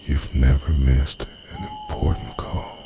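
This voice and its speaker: A man voices an obsessive, devoted, time-travelling boyfriend in an intimate ASMR roleplay, softly confessing in a hushed, breathy, deliberate manner that drifts into whispers. His pitch is extremely low yet swoops wildly, a full character performance set against noisy night ambience with crickets.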